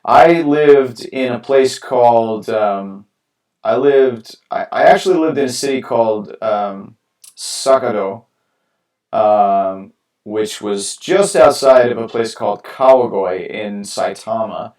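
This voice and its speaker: A man's voice: medium pitch, slow pace, darkish tone, distant mic. A young man from New York, casually rambling with many fillers and restarts as he paints on a live stream. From New York, USA. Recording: roomy sound from away from the mic.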